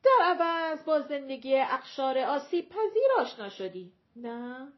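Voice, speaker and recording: A woman's voice: high voice, animated, dull audio, pitched above the performer's own voice. A woman voicing a playful adult man who jokes and teases in a mock-formal way.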